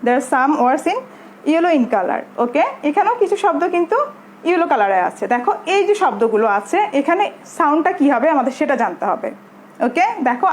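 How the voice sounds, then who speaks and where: A Bangladeshi woman teaching English to young pupils in an online class, speaking in a drawn-out way and switching between English and Bengali. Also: high-pitched, slight background noise. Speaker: primary school English teacher.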